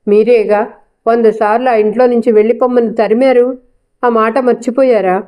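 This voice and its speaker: A woman's voice: a little high, fairly even intonation, normal speed, warm tone, natural voice. A woman voicing a proud, defiant young wife with a cutting, sarcastic way of talking.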